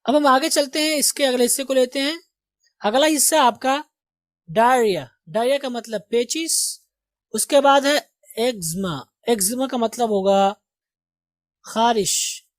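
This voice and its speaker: A woman teaching English vocabulary, saying each word slowly and quizzing her learners on how to pronounce it. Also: fairly high pitch, no room sound. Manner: slow, deliberate pronunciation drills with quiz questions. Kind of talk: vocabulary lesson.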